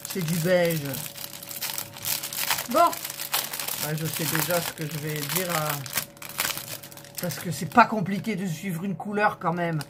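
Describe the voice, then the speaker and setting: Slow-talking, fed-up French woman. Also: on the low side, fairly even intonation, heavy background noise. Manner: disappointed, indignant, counting out numbers aloud. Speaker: diamond painting vlogger. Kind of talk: unboxing vlog, talking to viewers.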